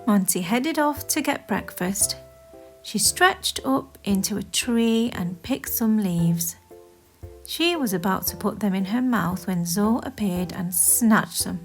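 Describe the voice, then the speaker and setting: With a medium-pitched voice, a woman tells a children's story slowly and deliberately, her intonation lively and swinging. The reading is expressive, set over background music.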